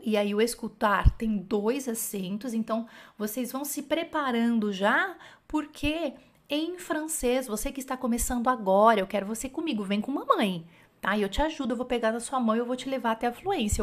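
A Portuguese-speaking woman with a slightly high voice leads a relaxed French lesson, going through a dictation. She talks in a chatty, encouraging way, thinking aloud and catching her own slips as she goes. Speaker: French teacher. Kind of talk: casual online lesson, correcting a dictation.

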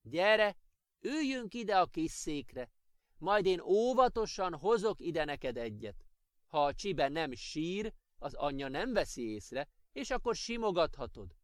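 A man voicing a gentle, patient old grandmother who soothes and explains things to her grandchild in a children's audiobook. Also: fairly high pitch, very animated, dry recording, clean studio sound. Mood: soothing.

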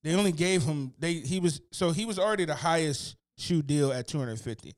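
A man co-hosting a podcast in casual chat, telling stories in a loose, animated, profane way. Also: fairly high pitch, fairly quick. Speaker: podcast co-host.

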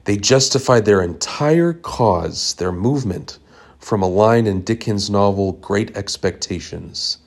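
Old great aunt voiced by a man, solemn, hesitant, drawn-out, pausing. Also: lowish voice. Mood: grave. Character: elderly great aunt, sighing, grave and cryptic.

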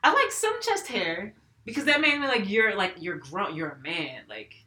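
A woman's voice: mid-range voice, very animated, normal speed, pushed and bright. A young woman in casual chat who laughs often and talks with many fillers. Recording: echoey room.

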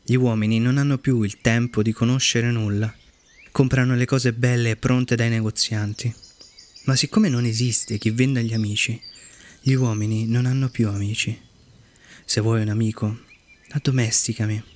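A man voicing a wise, lonely female fox who explains things slowly and earnestly in a storybook reading. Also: mid-range voice, flat delivery, natural voice.

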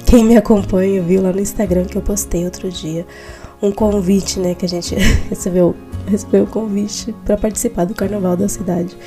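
Mellow Brazilian woman hosting a faith podcast. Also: mid-range voice. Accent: Brazilian Portuguese. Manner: reflective, chatty, self-correcting. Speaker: podcast host. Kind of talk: devotional podcast chat. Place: home in Switzerland.

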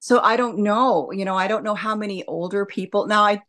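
A woman's voice: medium pitch, fairly quick, fairly bright tone. A woman answering interview questions conversationally as a hospice nurse and educator, reflective and explanatory.

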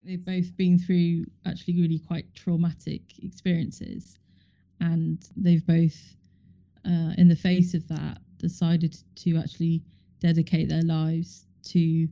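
A woman's voice: deep voice, completely flat delivery, measured pace, dark tone, lo-fi sound. A woman hosting a reflective discussion, commenting on what has been heard.

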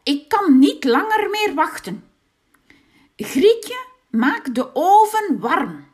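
A woman voicing a cruel old witch with bad eyes, shrill and scolding, in a children's fairy tale. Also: very animated, slow pace, darkish tone, full character voice. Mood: impatient.

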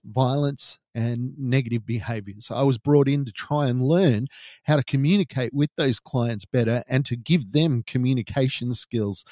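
A middle-aged Australian man hosting a podcast, telling his own story gravely and deliberately, like a true crime narrator. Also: medium pitch, darkish tone, dry recording, studio quality. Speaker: podcast host.

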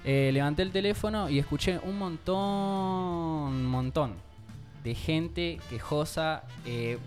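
A young man with an Argentine accent, a car salesman guest talking earnestly and warmly about his work in a casual interview. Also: fairly high pitch, slow, faint music behind. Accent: Argentine Spanish. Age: young adult.

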